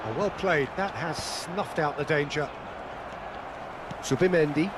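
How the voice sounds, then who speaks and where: A man giving broadcast-style football play-by-play commentary in a lively, energetic manner. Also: on the high side, a little slow, heavy background noise. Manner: lively, building to excited calls.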